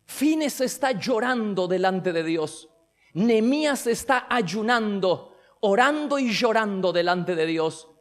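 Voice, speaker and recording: A man's voice: high voice, expressive, slow. A man preaching a sermon as a pastor, in a fervent, emphatic way.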